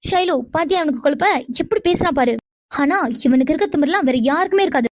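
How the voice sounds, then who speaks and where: A woman voicing a hot-tempered young woman in a cartoon, talking sharp and exasperated. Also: sits high, fast, dry recording, studio quality, natural voice. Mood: irritated. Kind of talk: cartoon voice acting.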